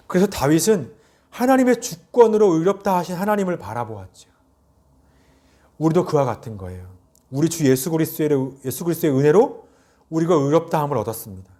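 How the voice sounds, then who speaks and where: A man in his forties preaches a sermon in a fairly high voice. He pushes phrases up with emphasis, then lets them fall soft and low as he tells a personal story. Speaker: pastor.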